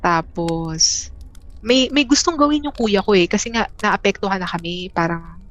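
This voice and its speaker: A woman from the Philippines, a guest telling a personal story in a casual, halting way, with many restarts and fillers. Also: medium pitch, fairly bright tone. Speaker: interview guest.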